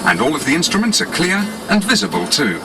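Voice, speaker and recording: This British advertising narrator talks fast in a slightly high voice with huge swings in pitch. He delivers scripted 1980s promo copy from a cassette tape in a smooth, explanatory sales style, with music playing behind him.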